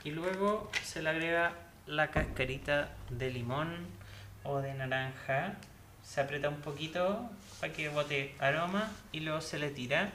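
A man's voice: on the high side, unhurried, sharp tone, slight background noise. A young man with a Chilean accent hosting a casual cocktail show, explaining the recipe with crude jokes. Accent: Chilean Spanish. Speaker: host mixing cocktails.

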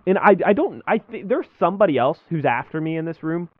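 A man's voice: on the high side, expressive, fast talker, no room sound. A young man hosting a podcast in a casual, chatty style. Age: young adult. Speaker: podcast host. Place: small school room, indoors. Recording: muffled phone-like audio, dry.

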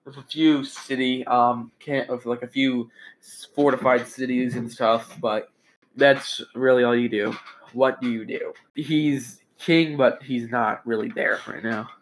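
A man improvising casually as game master of a tabletop game, halting and jokey as he narrates. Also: mid-range voice, steady tone, slight background noise, low-quality recording.

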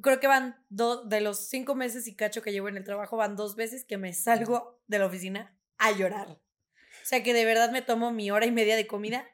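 A young Mexican woman in her twenties co-hosts a casual conversation. Her voice sits a little high. She tells stories in a chatty flow, leaning on fillers. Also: steady tone, fairly quick. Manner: chatty storytelling, fillers like "o sea". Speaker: podcast co-host. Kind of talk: casual chat.

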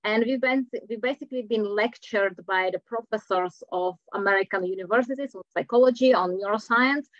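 A middle-aged Czech woman, a coach appearing as a guest on a podcast interview, talks earnestly in a Czech accent and now and then hunts for the right word. Her medium-pitched voice moves briskly with almost no pauses, and the dull lo-fi recording carries no echo.

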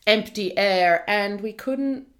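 A woman's voice: medium pitch, slow pace. A young Australian woman co-hosting a casual podcast with a friend. She talks in an upbeat, rambling way in a mid-range voice, easygoing and conversational. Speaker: podcast co-host. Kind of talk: casual chat.

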